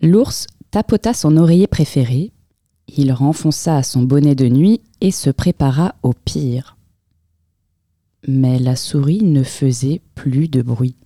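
A woman reading a children's picture book aloud as storyteller, with expressive, lively storytelling in a close, dry room. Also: rumbling low, slow pace, dry recording.

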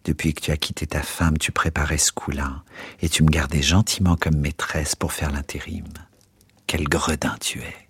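A man reading aloud, voicing a furious, betrayed woman who hurls shrill accusations at her lover. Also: husky, dry recording, exaggerated voice. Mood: bitter. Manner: shrill accusing outbursts, fast and raised.

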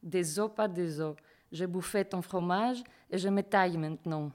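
A woman reading the part of a sly male fox who flatters and then taunts, in a storybook fable. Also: fairly low pitch, moderate pace, lightly acted. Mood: flattering.

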